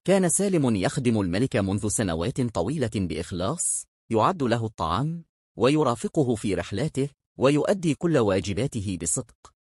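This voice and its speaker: A man narrating a moral folk tale in a measured, expressive storytelling manner. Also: mid-range voice, slightly rough, no room sound, clean studio sound.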